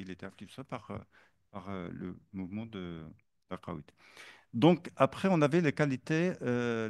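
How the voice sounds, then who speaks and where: A man's voice: lowish voice, gravelly, dry recording. A man giving an academic seminar lecture, hesitant with many fillers and restarts, now and then reciting Arabic verse and metrical feet. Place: seminar room.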